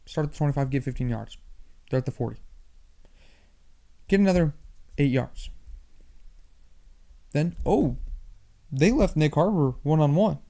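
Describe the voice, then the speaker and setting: A young man hosting a sports podcast, talking fast and animated in a casual monologue, often repeating himself. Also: fairly high pitch, creaky. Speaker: podcast host.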